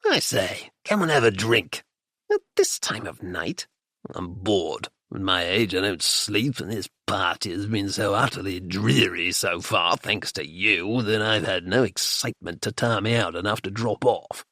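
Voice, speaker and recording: A man voicing a mischievous, tipsy old grandfather who grumbles and wheedles, lower and rougher than his own voice. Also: measured pace, bright, forceful tone, no echo, studio quality, heavily acted. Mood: wheedling.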